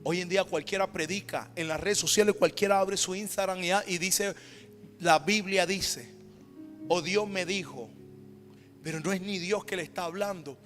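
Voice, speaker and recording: Panamanian pastor guy preaching, goes loud then real quiet, echoey church w/ soft music behind. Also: sits high, normal speed. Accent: Panamanian Spanish. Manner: dramatic swings from loud emphatic to hushed. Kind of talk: sermon. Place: church sanctuary. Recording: reverberant church hall with background music.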